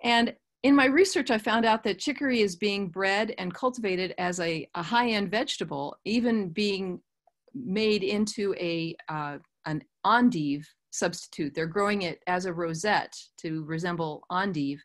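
A woman's voice: medium pitch, unhurried. Woman, middle-aged, webinar presenter, video-call mic, friendly explanatory tone. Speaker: master gardener presenter. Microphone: webcam on a video call.

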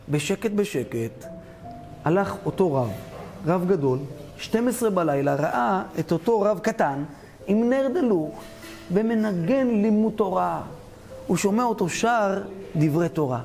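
A man's voice: sits high, darkish tone. A male rabbi telling a story in a sermon, narrating animatedly and acting out the characters.

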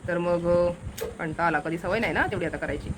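A woman's voice: lowish voice, a little fast, noisy background. A young woman chatting to viewers in a casual home vlog, walking around her village house courtyard with a phone camera. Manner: chatty, addresses viewers directly, coos at a pet. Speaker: vlogger.

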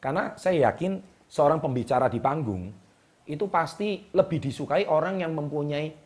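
A man hosting a motivational talk straight to the camera, emphatic and repeating key words with a drawn-out "ya". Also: on the high side, animated, a little mellow. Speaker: host. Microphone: speaking straight to the camera.

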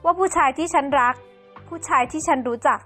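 A woman's voice: sits high, a little fast, fairly bright tone, soft background music, pitched above the performer's own voice. Woman playing a proud, wronged wife. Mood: defiant. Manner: hurt, firm. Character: wronged middle-aged wife, proud and hurt.

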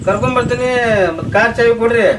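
A man's voice: extremely high pitch, fairly even intonation, fast, a bit bright, a little hiss or hum. A man playing a cheeky village servant who keeps talking back. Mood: argumentative. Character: dressed-up male servant, cheeky and argumentative. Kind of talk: rustic comedy skit. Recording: roomy sound from a distant mic.

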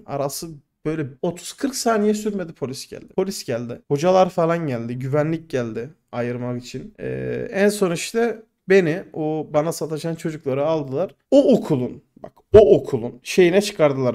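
A man in his twenties from Turkey, telling a story on his podcast in a casual, animated way with some swearing. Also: sits high. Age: 20s. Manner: animated storytelling, swears, quoted back-and-forth. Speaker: podcast host. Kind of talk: storytelling monologue.

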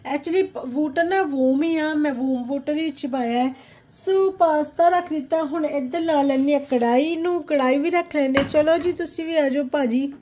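With slight background noise, a vlogger speaking with a Punjabi accent tells her viewers about her daily routine in a casual, chatty way, mixing in English phrases. Her voice is high and mellow, at a normal speed.

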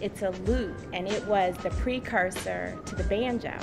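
A woman's voice: medium pitch, moderate pace, gravelly. A middle-aged woman explaining results in a conversational way, as a presenter face to face with a guest. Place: indoor room. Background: music.

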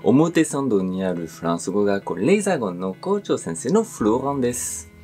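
A man who runs a language school, leading a pronunciation lesson and carefully articulating each word, stretching it out very slowly on the repeats. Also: lowish voice, big pitch swings, dark tone, faint music behind. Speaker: French school principal and teacher.

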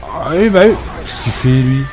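Man, animated pitch, mock-scolding, exasperated joking banter, faint music behind. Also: moderate pace, some chatter behind. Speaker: gameplay video creator. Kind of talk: comic role-play commentary.

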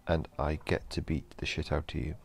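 A man's voice: extremely low pitch, fairly even intonation, normal speed, vocal fry, a little hiss or hum. A man voicing a cocky teenage quarterback bully who makes blunt, taunting threats. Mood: menacing.

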